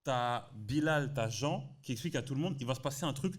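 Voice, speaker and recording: A man from France, a podcast guest, telling a story in lively, slangy casual chat. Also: mid-range voice, fairly quick.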